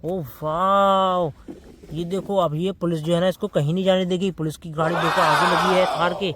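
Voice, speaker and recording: Man, high voice, toy-play narrator for kids, eager, mouths engine noises. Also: moderate pace, background noise. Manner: excited, keeps calling out to children, makes vehicle sounds. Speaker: toy video narrator for children.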